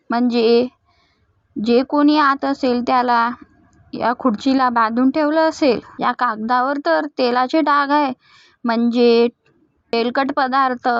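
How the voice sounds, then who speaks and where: A woman's voice: high voice, no room sound, highs cut off. A woman retelling a TV serial episode, narrating and voicing each character's lines herself. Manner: reads every character's lines in turn.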